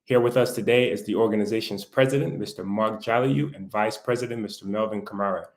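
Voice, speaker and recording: A man's voice: on the low side, fast talker. A man hosting a talk show, reading a formal introduction and then asking interview questions in an upbeat way. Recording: roomy echo.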